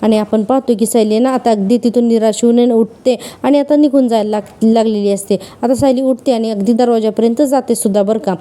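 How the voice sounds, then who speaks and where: A woman recapping a TV serial episode in casual, animated storytelling that acts out the characters' lines. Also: on the high side. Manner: animated storytelling, acting out quoted dialogue. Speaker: TV serial reviewer.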